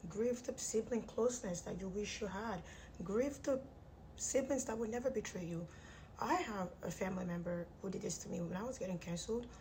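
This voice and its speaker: A vlogger in her thirties from a Nigerian immigrant household gives direct-to-audience self-help advice through a jaw wired shut, so her medium-pitched voice sounds tight and clenched, if a little mellow. She is blunt and emphatic, repeating key phrases. The audio is poor, with clear background noise.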